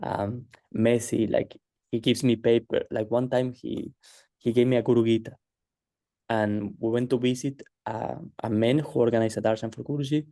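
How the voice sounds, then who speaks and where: Halting, mellow-voiced man telling a story. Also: medium pitch, steady tone, no room sound, clean studio sound. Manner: hesitant, halting, many fillers and restarts. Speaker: guest telling a personal story. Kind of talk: casual storytelling.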